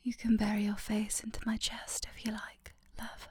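A woman whispering a soft, affectionate, sleepy ASMR girlfriend roleplay into a close microphone. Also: mid-range voice, monotone, breathy edge, dry recording. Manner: slow and soothing, sleepy.

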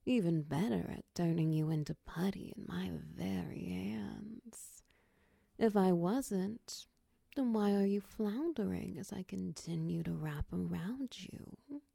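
A woman voicing a motherly, possessive snake-tailed woman in a soft, close, whispered ASMR roleplay, coaxing and soothing. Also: on the low side, takes it slowly, no echo, exaggerated voice. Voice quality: breathy whisper.

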